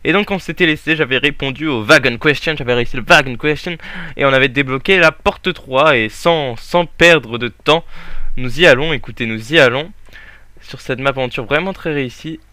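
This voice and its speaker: A young man giving jokey, excitable let's play commentary, talking to the game as he plays. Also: mid-range voice, a little fast, clear, resonant tone, no room sound. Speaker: gaming YouTuber.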